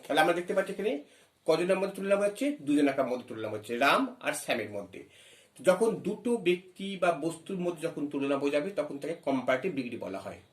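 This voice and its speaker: A man's voice: on the high side, very animated, roomy sound. A man teaching an English grammar lesson, explaining step by step, asking questions and spelling words letter by letter. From West Bengal. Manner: reads English phrases slowly.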